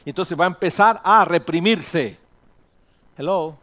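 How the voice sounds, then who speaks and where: A male pastor preaching a sermon to his congregation in an animated way, dropping in English words now and then. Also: high-pitched, measured pace. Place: church sanctuary with congregation.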